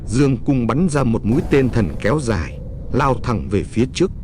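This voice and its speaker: A storyteller reads a scripted fairy tale in an animated, fairly quick, mid-range voice. Prominent music plays behind him, creating heavy background noise.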